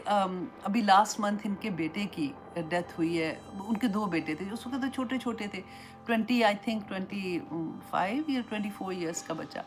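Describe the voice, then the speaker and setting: A woman Islamic teacher giving a Quran commentary lesson, telling stories and slipping English phrases into her Urdu. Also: a little high.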